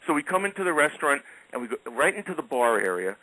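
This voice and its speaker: A man's voice: on the high side, sing-song, fast, bright, forceful tone, dry recording, poor audio. A middle-aged man telling casual anecdotes as a radio guest, chatty and chuckling often.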